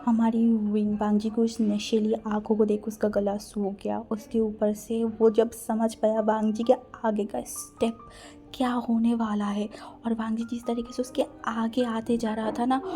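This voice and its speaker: A woman narrating a romance fan story with dramatic, breathless delivery. Her voice is mellow and warm, and sits a little high for a woman. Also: flat delivery, unhurried, soft background music.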